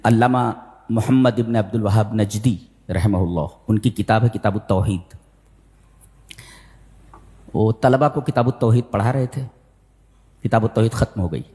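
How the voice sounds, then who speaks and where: A male Islamic scholar preaching a sermon, telling a story with rising emphasis and slowing down to recite scripture. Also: mellow. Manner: emphatic storytelling, pitch climbing sharply when stressing a point. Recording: long echo of a large hall.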